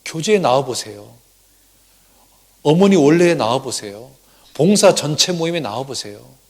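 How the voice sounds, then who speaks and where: A man's voice: on the high side, lively intonation, moderate pace, darkish tone, in a large hall. A male pastor preaching emphatically, asking rhetorical questions and dropping at times to a near whisper. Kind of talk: sermon.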